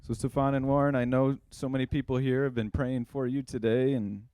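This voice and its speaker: A man's voice: medium pitch, flat delivery, a little fast, dark tone, smooth, no room sound. A young man giving an earnest, heartfelt wedding toast as the groom's older brother.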